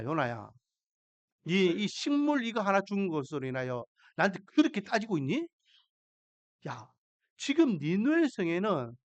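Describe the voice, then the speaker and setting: A man preacher voicing God as a patient father who gently scolds and pleads. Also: high voice, dry recording, dull audio.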